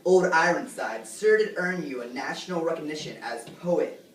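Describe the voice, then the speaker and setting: A woman's voice: low-pitched, expressive, moderate pace. Teen girl doing a gushy talk show host, voice bouncing all over, echoey room, far off mic. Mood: gushing. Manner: gushing, showy, fawning over guests. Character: gushing female talk-show host, showy and flattering. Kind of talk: amateur talk-show skit. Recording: echoey room, distant mic, faint noise.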